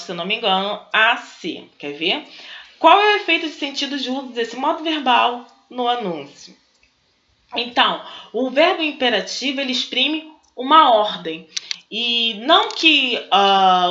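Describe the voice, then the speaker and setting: A woman's voice: on the high side, pushed and bright, a little hiss or hum. A woman teacher with a Brazilian Portuguese accent, explaining exercises in a recorded class. She asks questions and then answers them herself. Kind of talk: recorded online class, working through exercises. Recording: echoey room, dull lo-fi sound.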